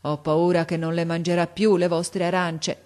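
A woman's voice: on the low side, level tone, normal speed, darkish tone, lightly acted. A woman voicing a grieving working-class father, a mason, who pleads and cries out in anguish. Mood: sorrowful.

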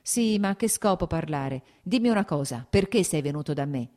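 A woman reading an audiobook, voicing a mild, timid man who speaks quietly and hesitantly. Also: deep voice, lively intonation, moderate pace. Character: mild, timid landowner, younger brother.

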